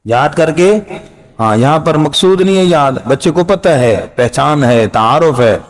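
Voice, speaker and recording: A middle-aged man teaching Quran reading in a casual spoken lesson, explaining patiently and repeating phrases and drawn-out letter sounds. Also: fairly high pitch, expressive.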